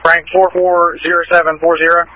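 A man over a fast, dull police radio. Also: on the high side, completely flat delivery, no echo. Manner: clipped radio codes, terse. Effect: police radio transmission. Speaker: police officer.

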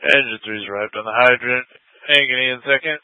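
A man's voice: mid-range voice, a little fast, sharp tone, no echo. A man on a fire crew making clipped calls over a walkie-talkie radio. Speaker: fire engine crew member. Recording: tinny radio transmission from far off.

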